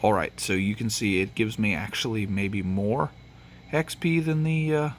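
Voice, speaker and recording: This man's voice sits fairly low and moves at a moderate pace over slight background noise. He's a Tennessee gaming host with the local accent, rambling through gameplay with constant fillers and restarts while sniffling from allergies.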